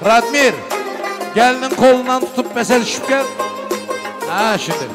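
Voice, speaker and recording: A man working as a wedding master of ceremonies, making festive, emphatic, booming announcements, giving blessings and directing guests. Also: moderate pace. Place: reverberant wedding venue. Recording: hall reverb with music behind. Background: music.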